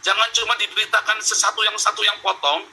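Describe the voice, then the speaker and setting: A man's voice: high voice, level tone, fast, creaky, pushed and bright, slightly rough, low-quality recording. A man from Indonesia talking in a remote interview, emphatic and heated, repeating words and calling the interviewer Pak. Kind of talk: remote interview, animated storytelling. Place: abroad in Europe.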